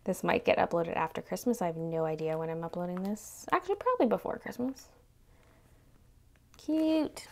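A woman's voice: on the low side, expressive, moderate pace, vocal fry. A young adult woman chatting casually through an unboxing, gushing and exclaiming over cute things. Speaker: unboxing video host. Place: indoors, tabletop product shoot, speaker off camera.

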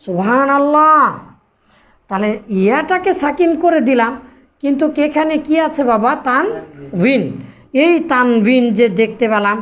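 A woman's voice: high-pitched, muffled recording. A woman teaching Arabic grammar. She asks her pupils questions, answers them herself in an affectionate way, and chants the rules in a rhythmic recitation. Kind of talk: classroom-style lesson.

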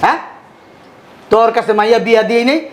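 A man's voice: very high-pitched, a little hiss or hum. Man playing a greedy, mocking father-in-law. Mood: scolding. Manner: scolding, mocking, rapid. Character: greedy bossy middle-aged father-in-law. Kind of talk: village comedy drama.

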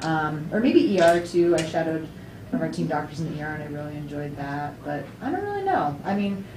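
A young woman, a soccer player, answering questions at a post-game press conference in a chatty, upbeat way, full of fillers and quick laughs. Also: deep voice, sing-song. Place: indoor press room before a sponsor backdrop. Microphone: table mic on a stand, camera at a distance. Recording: echoey room, distant mic, faint noise.

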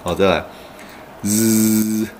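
A man giving an online English pronunciation lesson. He explains patiently with frequent "oh" fillers and models each word slowly. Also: fairly low pitch, fairly even intonation, darkish tone, a little hiss or hum.

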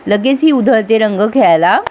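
A woman voicing an indulgent middle-aged father in a recapped TV serial, gently giving permission. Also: mid-range voice, animated, moderate pace, slight background noise, close to an everyday voice.

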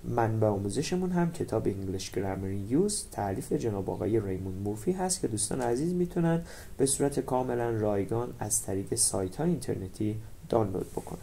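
A male teacher with a Persian accent walks through an English grammar lesson. His voice swings widely in pitch as he stresses and repeats each English word. His tone is dark and mellow. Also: creaky, slight background noise. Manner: animated, stresses and repeats English words for pronunciation.

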